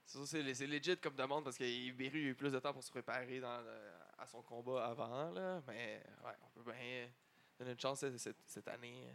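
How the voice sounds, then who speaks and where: A man's voice: medium pitch, moderate pace, a bit bright. A man with a Quebec French accent hosting a podcast, chatting casually about his subject in loose, informal banter. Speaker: podcast host.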